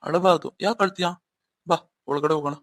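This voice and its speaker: A man's voice: fairly high pitch, steady tone, fast, a bit bright, dry recording, lightly acted. A man voicing a remorseful young husband in a cartoon story, coaxing and pleading with his wife.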